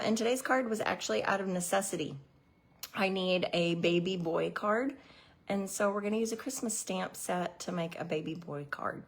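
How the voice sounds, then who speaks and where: Chatty, slightly breathless middle-aged woman. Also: mid-range voice. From Missouri, USA. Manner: chatty and rambling, many ums and restarts. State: a little out of breath. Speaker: card-making livestream host. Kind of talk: casual livestream chat.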